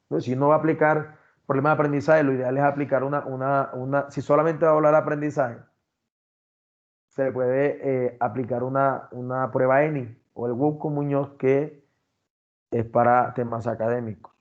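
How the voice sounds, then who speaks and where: A man's voice: medium pitch, level tone, moderate pace. A man giving a recorded class lecture, explaining criteria step by step and addressing his students directly. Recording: dull lo-fi sound.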